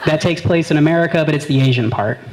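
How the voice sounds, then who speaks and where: A man's voice: a little high, quick pace, noisy background. A young man doing a rambling, brash stand-up comedy set on stage, acting out his friends' voices. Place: comedy venue with live audience. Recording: live room with audience crowd.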